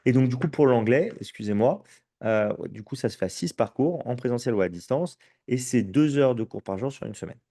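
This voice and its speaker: A man's voice: mid-range voice, expressive, brisk, dark tone, no echo, clean studio sound. A man teaching, presenting entrance exams to an audience in a conversational way, often checking "ok?", with restarts along the way, and with a French accent. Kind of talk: live conference presentation.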